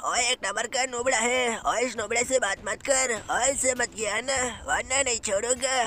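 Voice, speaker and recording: Brief: a man doing a brash big-brother cartoon cat, very high and bright, comic gameplay dub. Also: steady tone, normal speed, slight background noise. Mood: boastful. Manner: brash, swaggering, calls everyone little one.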